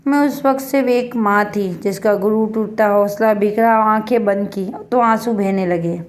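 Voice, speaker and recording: A woman reading a first-person family story aloud in a steady, sorrowful storytelling manner. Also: medium pitch. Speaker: narrator.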